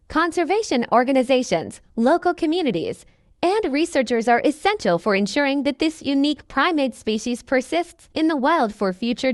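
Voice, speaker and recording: Female nature documentary narrator, high voice, lively intonation, measured instructional read. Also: no echo, clean studio sound.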